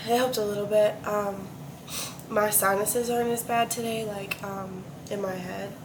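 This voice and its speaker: Against a noisy background, a young woman vlogger speaks at a measured pace in a medium pitch with fairly even intonation. She is sick, congested and coughing from her chest, and her casual, candid confessional chat comes out stuffed-up, hesitant and meandering.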